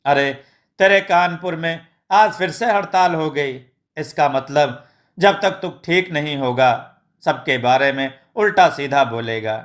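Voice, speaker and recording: Man doing a sharp-tongued village mom, scolding and sarcastic, unhurried. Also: a little high.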